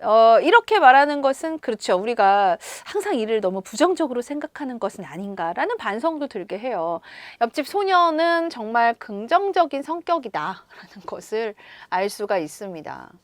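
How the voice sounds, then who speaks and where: A woman teacher explaining a story to schoolchildren, expressive and full of questions to her pupils. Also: on the high side, moderate pace, hardly any pauses, no echo. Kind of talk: reading-comprehension lesson.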